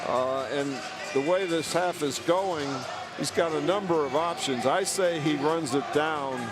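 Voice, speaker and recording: A man with a slightly high voice and a measured pace serves as color commentator on a live basketball game, explaining plays and rulings through folksy, conversational asides. The arena broadcast is noisy, with a loud crowd and bouncing basketballs behind him.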